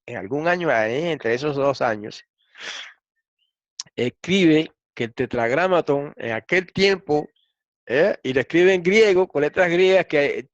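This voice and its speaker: A man's voice: on the high side, dry recording. A man teaching a Bible lesson, explaining step by step and checking in with listeners. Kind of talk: lecture reading through quotations. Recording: dull, dry lo-fi recording.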